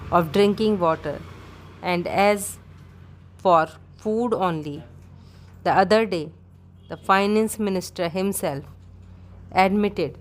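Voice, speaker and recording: A woman reading out a speech as dictation practice, in short, measured phrases with clear gaps between them. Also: on the low side.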